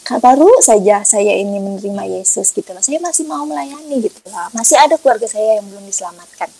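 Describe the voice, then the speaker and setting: A woman telling her personal faith testimony in an animated, emphatic way, speaking colloquially and often acting out what people said. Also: medium pitch, fast talker, gravelly, rough recording. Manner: animated, emphatic storytelling with acted-out quotes; colloquial and repetitive. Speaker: guest giving a testimony.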